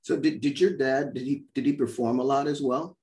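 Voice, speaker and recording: A middle-aged man from Miami, a trumpet player, telling animated stories in casual conversation over a video call. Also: medium pitch, fairly quick. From Miami, Florida. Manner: animated storyteller, acts out quoted voices. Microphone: video call mic.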